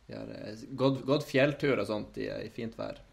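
A man's voice: on the low side, creaky. A man with a North Norwegian accent tinged with Swedish, chatting casually as a guest. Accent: North Norwegian mixed with some Swedish. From Vadsø, northern Norway. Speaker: guest, brother of a co-host. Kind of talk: casual chat.

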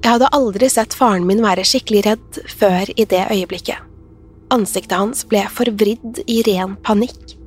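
A woman narrating a horror story in a measured, suspenseful way. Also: mid-range voice, husky.

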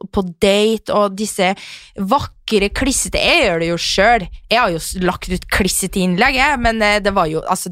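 Chatty woman co-host, lively storyteller, dry close sound. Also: dry recording. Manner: animated, acts out quarrels in a shrill voice. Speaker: podcast co-host. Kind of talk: casual chat.

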